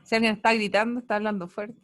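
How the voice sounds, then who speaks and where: A woman's voice: medium pitch, flat delivery, quick pace, a bit bright, dry recording, clean studio sound. A woman teacher giving an online physics class, playful and teasing, asking students many questions. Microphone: computer mic on a video call.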